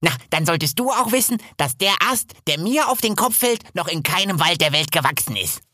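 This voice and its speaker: A man's voice: high voice, animated, fairly quick, bright, forceful tone, no room sound, studio quality, voice pushed up, exaggerated voice. A man voicing a cheeky, joking little male forest animal in a storybook. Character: cheeky small male forest animal who climbs trees.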